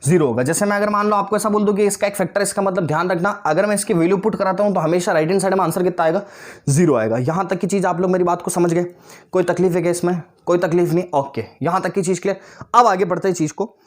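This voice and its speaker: An online maths teacher in his twenties talks quickly in a high voice. He encourages his pupils, whom he calls "beta" and "bhaiya," checks again and again that they follow, and slips jokes in.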